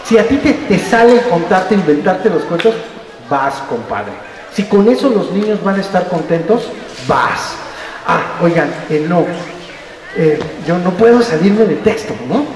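A man's voice: sits high, lively intonation, measured pace. An older man with a Mexican accent, giving a playful, joking talk to trainee teachers at a school. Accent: Mexican Spanish. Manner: playful, jokes with the audience, acts out voices. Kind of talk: lively talk with audience. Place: school auditorium. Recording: roomy hall, distant mic, faint noise.

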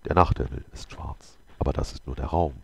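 A man voicing a calm, mysterious male stranger in a read-aloud story, speaking slowly and flatly. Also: extremely low pitch, vocal fry, a little hiss or hum.

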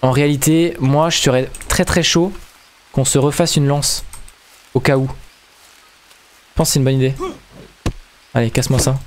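Brief: young male gaming host, casual let's-play patter, excitable, stammers, mid-pitched voice. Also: a little slow, pauses often, slight background noise. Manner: excitable, stammers over words.

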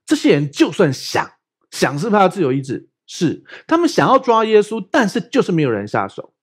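Husky guy pastor preaching, bounces all over in pitch, keeps asking the crowd questions. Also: normal speed. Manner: lively, conversational preaching with rhetorical questions. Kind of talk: sermon.

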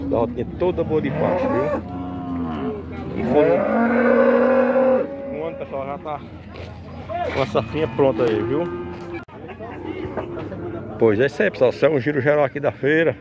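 A man's voice: fairly high pitch, normal speed, pauses often, dull audio. A man vlogging as he walks through an outdoor cattle market, chatting to his viewers and tagging his phrases. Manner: chatty, addresses viewers as pessoal, tags phrases with viu. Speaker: vlogger touring a cattle fair. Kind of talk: casual walking vlog to viewers. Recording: outdoor market with clear crowd noise. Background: crowd and cattle noise.

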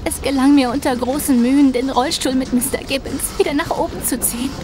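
The actress speaks a little fast in a high, fairly natural-sounding voice, giving a distraught performance in a German audio drama. Her character is a young female carer who is anxious, devoted, earnest and hesitant, and noisy ambience sits behind the recording.

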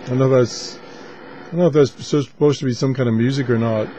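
A man with a relaxed, mellow voice gives off-the-cuff commentary in short, unhurried phrases, as a hobbyist would at his radio desk. The camera audio is slightly dull, with clear shortwave static behind him. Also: medium pitch. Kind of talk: casual off-the-cuff demonstration commentary. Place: small indoor radio desk.

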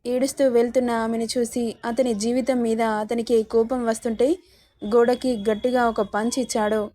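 A woman narrating a romantic story in an even, storytelling manner. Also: fairly high pitch, normal speed, no echo.

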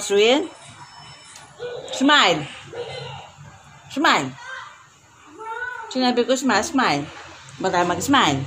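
A woman's voice: mid-range voice, a bit bright, a little hiss or hum. A woman family vlogger talking on a handheld phone at home, teasing a crying baby in playful baby-talk and chatting to her viewers. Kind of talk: casual home vlog narration.

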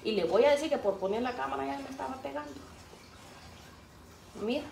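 A woman's voice: high voice, a little fast, creaky. A woman, chatting in a folksy, teasing way while she cooks. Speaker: cooking vlogger. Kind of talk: casual cooking chat. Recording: roomy, faint background noise.

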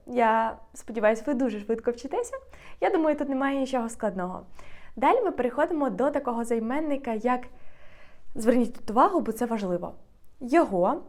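Woman teacher, high voice, patient, repeats examples slowly, grammar lesson. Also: darkish tone. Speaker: Spanish teacher.

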